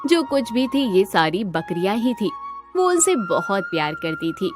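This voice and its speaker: A woman narrating a children's moral story in a calm, measured way. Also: medium pitch, over music.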